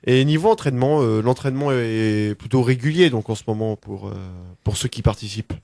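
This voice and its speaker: Un homme qui mène une interview à la radio sur un ton de conversation, un peu hésitant. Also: male voice, mid-range voice, brisk, darkish tone, no room sound, studio quality. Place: close dry radio microphone.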